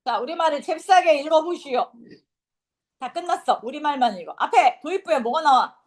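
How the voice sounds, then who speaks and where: Young woman teacher, talky and animated, tosses questions at the class, kinda high voice. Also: a little fast. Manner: lively, quizzing students, casual banter. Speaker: English teacher. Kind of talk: classroom lecture.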